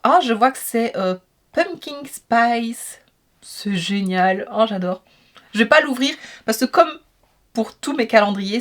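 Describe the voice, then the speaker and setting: A young woman, chatting casually and enthusiastically as she unboxes beauty products, with many fillers. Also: fairly high pitch. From Belgium. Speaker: beauty vlogger.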